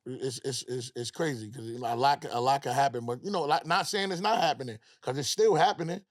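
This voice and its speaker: A man chatting as a podcast guest, slangy and animated, often tagging lines with "you know what I'm saying". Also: mid-range voice, fairly quick, no echo, clean studio sound. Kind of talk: casual chat.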